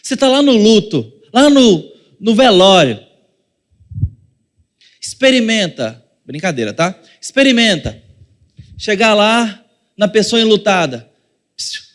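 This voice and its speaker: A man with a Brazilian Portuguese accent preaches from the pulpit, his voice pitched high for a man. He keeps it chatty, slipping into small acted-out scenes and turning to the listeners to address them directly. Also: sing-song, unhurried, in a large hall. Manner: conversational preaching, acting out little scenes. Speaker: pastor. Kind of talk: sermon.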